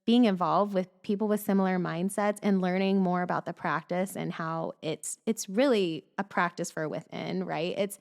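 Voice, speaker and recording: A woman's voice: fairly low pitch, fairly even intonation, moderate pace, gravelly, hardly any pauses, a little mellow. A woman guest on a podcast, talking openly and reflectively in casual chat, laughing often.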